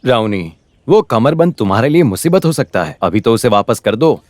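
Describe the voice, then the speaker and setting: A man voicing a calm village schoolmaster in a Hindi film dub, giving advice and reaching for lofty examples. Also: medium pitch, normal speed, no room sound, clean studio sound, close to an everyday voice. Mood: sage.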